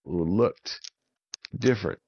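A man telling a children's pirate story in a relaxed, improvised way, often repeating words for effect. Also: deep voice, takes it slowly, slightly rough, highs cut off.

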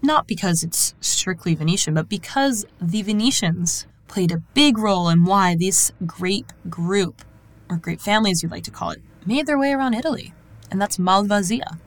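A woman hosting a podcast with a slightly low voice. She talks in a chatty, friendly way and laughs often as she moves from a prepared segment to a loose conversation. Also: dry recording, poor audio. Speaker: podcast host. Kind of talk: scripted segment and casual interview.

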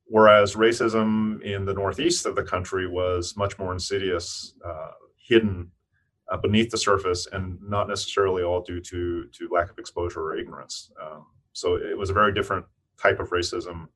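A physician and scientist from Eastern Tennessee, in his fifties, answers interview questions in a very deep, steady voice with a slightly bright edge. He is thoughtful and measured, often pausing, restarting sentences and using fillers.

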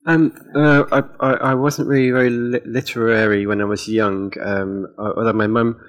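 A man speaking on a festival panel, hesitant and self-deprecating, with many pauses and ums. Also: mid-range voice, level tone. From England. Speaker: poet on a panel. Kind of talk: live onstage conversation. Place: festival event before an audience.

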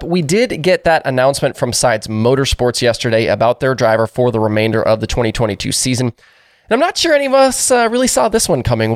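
A man with a congested voice hosting a daily racing news show, delivering items in a brisk, informal way on a new microphone. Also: medium pitch, vocal fry, no room sound, studio quality. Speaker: host.

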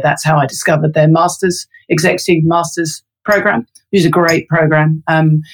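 She's a resilience researcher from London, guesting in a relaxed interview; her voice is low, and her thoughtful, chatty delivery is full of ums and fillers.

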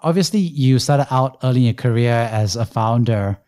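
A man's voice: medium pitch, moderate pace, dark tone, no room sound. A man hosting a podcast, asking his guest questions in an upbeat way. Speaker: podcast host. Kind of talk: podcast interview.

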